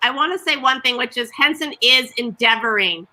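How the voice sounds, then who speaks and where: Guest panelist, woman, very bright voice, fairly high, lively, on a video call. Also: moderate pace. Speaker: television executive guest.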